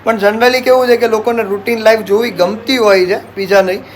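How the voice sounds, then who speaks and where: A man's voice: high voice, fairly even intonation, a little fast, slight background noise. A young man, chatting casually to camera as a family vlogger, often dropping in "barabar chhe".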